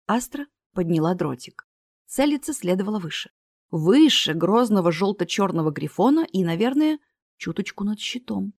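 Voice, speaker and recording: A woman's voice: mid-range voice, very animated, moderate pace, a little mellow, no echo, studio quality. A woman narrating a fantasy story as an audiobook reader.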